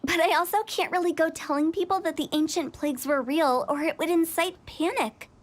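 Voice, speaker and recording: Teasing, high-pitched young prankster director. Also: female voice, fairly quick. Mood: confident, explaining. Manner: teasing, gleeful prank reveal. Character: playful, quirky young female funeral parlor director. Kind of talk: video game voice acting.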